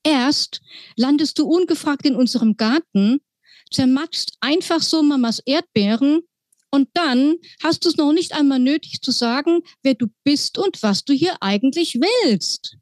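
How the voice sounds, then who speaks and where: A woman's voice: high-pitched, expressive, a little slow, dry recording, voice pushed up. A woman voicing a spirited young girl who speaks out bluntly and indignantly, in a storybook reading. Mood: scolding. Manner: indignant, outspoken.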